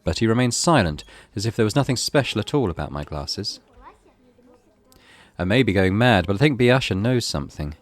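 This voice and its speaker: In this clip a man with a lowish voice reads briskly and with animation. He's a gaming channel host giving a suspenseful, theatrical scripted narration of a horror visual novel.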